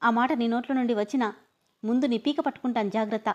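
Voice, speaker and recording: A clingy young woman swings between pleading and tearful scolding in an audio story. Her voice sits a bit high. A woman reads her lines. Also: fairly even intonation, quick pace, a little mellow, muffled recording, lightly acted.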